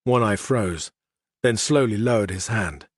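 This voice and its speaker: A man narrating an audiobook in a measured, even reading style. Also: fairly low pitch, dry recording, studio quality. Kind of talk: scripted narration.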